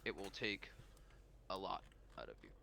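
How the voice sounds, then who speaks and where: A man voicing a huge, imposing male Pirate King who speaks in a slow, low, measured way in a tabletop game. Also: sing-song, vocal fry, pushed and bright, a little hiss or hum, heavily acted. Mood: grave.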